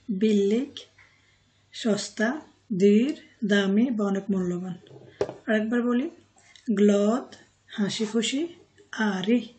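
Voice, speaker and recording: A woman gives a vocabulary lesson at a very slow, deliberate pace. Her voice is dark and mellow, and she says each word and its meaning one at a time. She pauses on fillers and corrects herself now and then. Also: mid-range voice. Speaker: language teacher.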